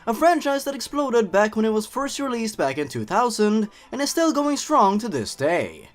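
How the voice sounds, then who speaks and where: A young YouTube host narrates an online horror story with expressive delivery and playful, wry asides. His voice sits high and sing-song at a normal speed, with background music behind it.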